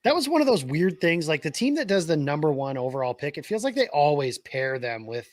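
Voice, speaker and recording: A man co-hosting a casual live draft stream, breaking down picks in a relaxed, informed way. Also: on the high side, a little fast, no room sound, studio quality. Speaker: co-host.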